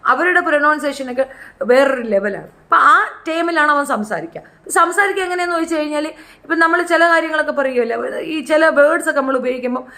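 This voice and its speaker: Brief: middle-aged woman, high voice, opinionated casual commentator who mimics people. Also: expressive, a little fast, pushed and bright. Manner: chatty, opinionated, acts out quotes in high voices. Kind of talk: casual reality show commentary.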